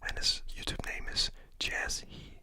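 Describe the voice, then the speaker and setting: A man's voice: measured pace, bright, forceful tone. A young man whispering names over and over as ASMR trigger words, with casual joking asides, in a whispered role-play. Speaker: ASMR creator.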